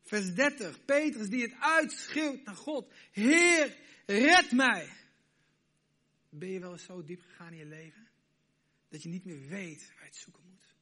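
A man preaching a sermon, moving between hushed, intimate questions to the listener and loud, emphatic declarations. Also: sits high, moderate pace.

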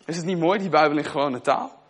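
A man's voice: fairly high pitch, fast. A young man giving a sermon in a conversational way, asking his listeners questions and telling a personal story. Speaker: preacher.

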